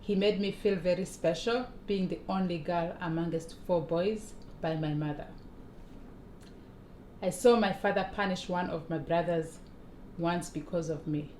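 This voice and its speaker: A Ugandan woman in her forties reading her own memoir aloud, measured and deliberate, with small pauses and restarts. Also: lowish voice, steady tone, darkish tone. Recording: echoey room with faint ambient noise.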